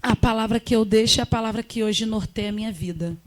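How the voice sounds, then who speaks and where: Emphatic high-voiced woman testifying. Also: quick pace. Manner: emphatic, animated storytelling. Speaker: guest, missionary.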